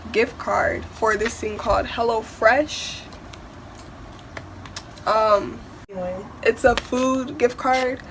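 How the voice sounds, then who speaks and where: Teen girl with a stuffy sick voice, slow and rambly, lots of background noise. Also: on the high side. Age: teens. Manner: rambling, many fillers. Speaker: vlogger. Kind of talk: casual unboxing chat.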